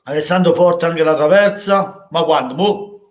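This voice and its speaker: A young man with a Neapolitan accent, reacting live to a football match and answering his chat, swinging from easy talk to loud outbursts. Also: a little high, normal speed. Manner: emotional, swings from calm chat to shouting.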